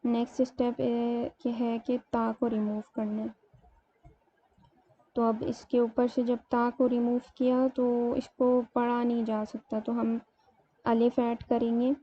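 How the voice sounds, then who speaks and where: A woman's voice: fairly high pitch, little pitch movement, husky. Woman teaching grammar, step by step. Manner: explains step by step, slows to spell out words. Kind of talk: grammar lesson. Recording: dull lo-fi sound, faint room noise.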